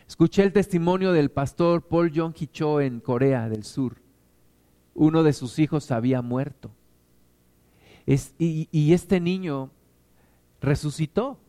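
A man preaches in a slow, deliberate rhythm. His voice sits high yet sounds mellow, with a smooth, clear tone. He leans into emphatic repetition as the sermon builds. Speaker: pastor.

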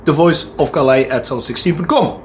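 A man co-hosting a casual podcast, teasing his guests and briskly reading sponsor plugs. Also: fairly high pitch, echoey room, a little hiss or hum. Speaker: podcast co-host. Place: studio table with guests.

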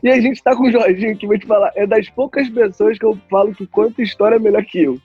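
A man's voice: sits high, steady tone, fast talker, husky, dry recording, lo-fi sound, soft background music. A man co-hosting a podcast in casual, enthusiastic, slangy chat. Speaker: podcast co-host.

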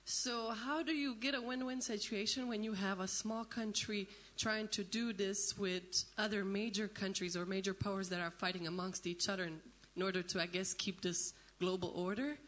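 A woman's voice: medium pitch, steady tone, normal speed, hardly any pauses, fairly bright tone. Woman from Croatia asking a question. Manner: searching for words. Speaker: audience member asking a question. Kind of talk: question at a panel.

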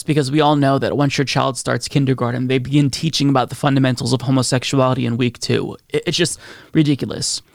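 Indignant male commentator with a gravelly voice. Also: mid-range voice, no echo, clean studio sound. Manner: indignant, sarcastic. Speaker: political commentary host. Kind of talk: political commentary.

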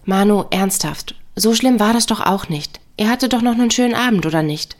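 A woman's voice: mid-range voice, fairly quick, close to an everyday voice. A woman reading the part of a young woman who apologizes defensively and plays down her mistake. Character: guilty, defensive young woman making excuses.

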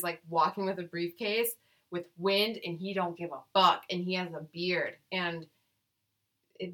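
A woman with a fairly low voice co-hosts a podcast in casual chat. She reads text aloud and breaks off into playful, cursing jokes. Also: a bit bright. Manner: playful, profane, jokey asides. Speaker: podcast co-host.

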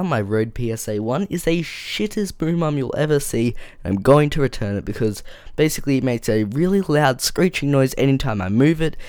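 A podcast host with a croaky, flu-worn voice rambles through a casual solo episode, full of ums and frustrated, exasperated rants. Speaking close to a boom-arm studio microphone, he sounds smooth, resonant, and a little mellow, and the foam-lined room adds no room sound at all.

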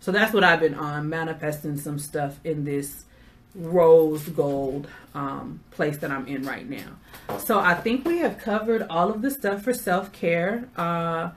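A woman's voice: deep voice, a little slow, a little hiss or hum. A middle-aged woman hosting a casual chat, telling stories with sassy asides. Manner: chatty storyteller, sassy asides. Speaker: podcast host.

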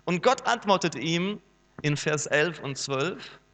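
A man preaching a sermon as pastor, lively and animated, sometimes acting out the voices he quotes. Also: a little high, slow. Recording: long reverb with mains hum.

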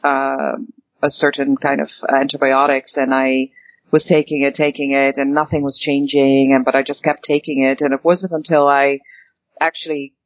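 A woman's voice: extremely low pitch, level tone, moderate pace, no echo, dull audio. A woman in her fifties from the Netherlands, a guest in a casual interview, talking in a rambling way with many ums and restarts. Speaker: guest, networking chapter director.

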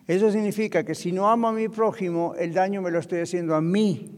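A man with a Latin American Spanish accent preaches a sermon on marriage, his voice pitched fairly high. He talks to the congregation in a loose, conversational way and checks in with them often. His voice rings with the long reverb of a church hall. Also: steady tone, brisk, darkish tone. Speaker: pastor.

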